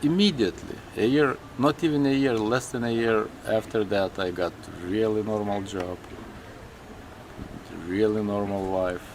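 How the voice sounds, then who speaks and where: Lithuanian man, non-native English, slow and halting with restarts, lowish voice, noisy interview recording. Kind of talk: personal interview.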